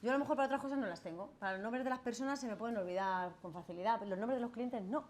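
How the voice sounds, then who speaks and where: A woman from Spain, a lawyer, speaks very quickly in a slightly high voice, with a little background noise behind her. She gives a relaxed classroom lecture to students, chatting away, frequently asking "¿vale?" and "¿no?" to check in, and acting out the voices she quotes.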